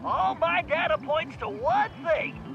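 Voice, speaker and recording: A man's voice: very high-pitched, a little slow, gravelly, lo-fi sound, heavily acted. An actor playing a nerdy, eager male turtle planner in a game cutscene, briefing and making puns. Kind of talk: video game cutscene acting. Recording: game music underneath.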